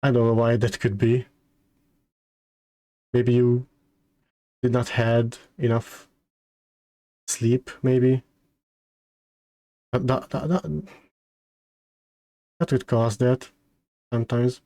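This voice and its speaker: Slow, halting male streamer, mellow voice. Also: mid-range voice, monotone, no echo. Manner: halting, hesitant delivery with repeated words. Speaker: streamer hosting a debut stream. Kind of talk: casual livestream chat.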